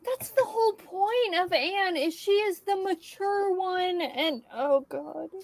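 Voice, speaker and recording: A woman's voice: extremely high pitch, takes it slowly, dry recording. A woman hosting a book channel, reacting to a movie adaptation with exasperated, swearing commentary, a bit tipsy from whiskey, over a video call.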